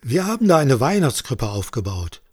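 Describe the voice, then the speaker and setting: A man's voice: mid-range voice, sing-song, moderate pace, darkish tone, breathy edge. A man voicing a jovial, mischievous farmer in a spoken story. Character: good-humored roguish male farmer.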